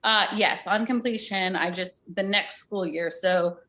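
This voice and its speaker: A woman's voice: mid-range voice, unhurried, bright, forceful tone. A woman in her forties, a teacher, talking candidly as a podcast guest and weighing her options aloud. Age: 40s. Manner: candid, weighing things aloud, uses "like" often. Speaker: special education teacher, guest. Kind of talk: casual interview conversation.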